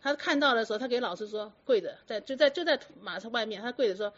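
A woman telling stories about patients to an audience in a lively, lecturing way full of rhetorical questions. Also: fairly high pitch, fast. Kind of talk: storytelling talk to an audience. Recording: dull lo-fi recording.

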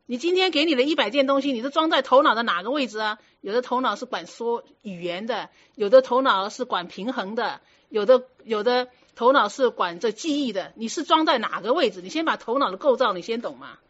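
A woman with a slightly high voice and lively intonation talks a little fast while giving a Buddhist dharma talk. Conversational yet firm and instructive, she checks on her students with rhetorical questions as she explains, heard through a muffled lo-fi recording.

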